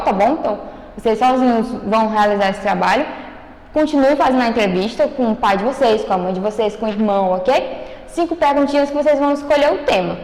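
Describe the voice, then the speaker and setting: A woman's voice: a little high, darkish tone. Woman teacher in an echoey room. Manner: explanatory, checking in with "né?" and "tá?". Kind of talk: recorded remote class lesson.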